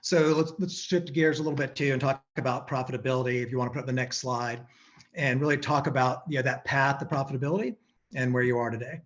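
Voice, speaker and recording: Male interviewer, brisk and chatty, filler "right"s; lo-fi muffled audio. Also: mid-range voice, steady tone, a bit bright. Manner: quick, uses "right" as filler. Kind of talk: investor interview questions.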